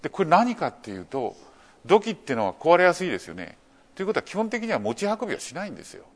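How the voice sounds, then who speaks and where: A man from Japan lectures to an audience in a hall. His pitch rises and falls in a lively way, and he steps through each point with frequent fillers. He often turns points into rhetorical questions. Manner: measured explanatory delivery with many fillers. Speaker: lecturer on archaeology. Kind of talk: public lecture.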